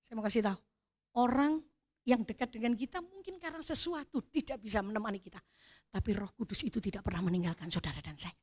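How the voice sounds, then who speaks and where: Woman, Javanese accent, middle-aged, preacher, sermon testimony, high-pitched, animated, near-shouting at peaks. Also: fast talker, breathy edge. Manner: animated storytelling, swelling to near-shouts, addresses the congregation as "saudara".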